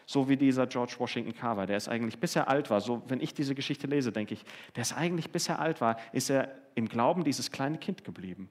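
Man, sermon, earnest, mid-pitched voice, talks straight to the congregation. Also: fairly quick, few pauses. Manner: earnest, addresses listeners directly with tag questions. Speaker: preacher.

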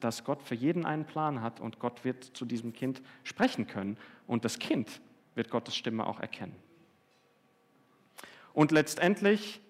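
A man giving an earnest sermon, speaking directly to his listeners with frequent tag questions. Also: mid-range voice. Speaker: preacher.

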